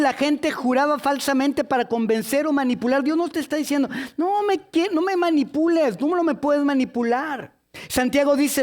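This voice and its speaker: A man preaching a sermon, telling a story with jokes and acting out its characters in different voices. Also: extremely high pitch.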